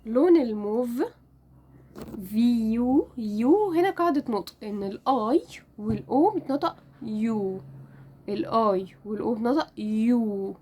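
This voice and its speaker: A woman with an Egyptian Arabic accent teaching French pronunciation in a casual lesson, spelling out letters and repeating each word slowly. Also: on the high side, mellow. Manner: drills words slowly, repeating each one.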